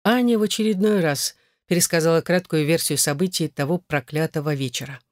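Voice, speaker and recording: An audiobook narrator reading a novel in a steady scripted delivery. The voice sits at a middle pitch. The recording is close and dry, with no room sound. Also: a little fast, no room sound.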